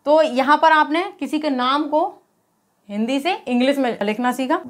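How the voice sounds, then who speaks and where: A woman's voice: high voice, normal speed. A woman teacher explaining spelling step by step, patiently posing questions and then answering them herself. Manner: checks in with repeated "okay?". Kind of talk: spelling lesson.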